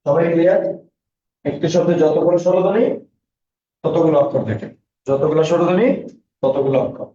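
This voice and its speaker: A man's voice: on the high side, fairly quick, pauses often, warm tone. A man teaching a Bangla lesson, calling out student names and drilling them with repeated questions. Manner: reads out student names and answers. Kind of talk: online class lecture. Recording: echoey, distant, dull lo-fi.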